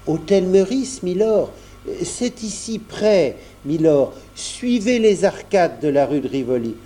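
A man's voice: sits high, expressive, slow pace, dark tone, voice pushed up. A man doing an exasperated old grocer. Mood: insistent. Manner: exasperated, insistent, talks down to foreigners. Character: impatient middle-aged male grocer, shopkeeper.

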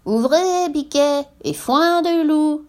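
A woman's voice: high-pitched, slow pace, darkish tone, voice pushed up. A woman voicing a sly male wolf in a children's tale, raising her voice to a thin sweet tone to fake a mother goat. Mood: sugary.

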